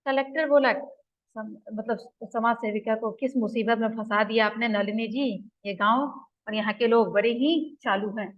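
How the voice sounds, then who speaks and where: Woman retelling a play, bright high voice. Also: muffled recording. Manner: mixes quoted dialogue with plain explanation. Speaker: teacher explaining a play. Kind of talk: retelling and explaining a drama scene.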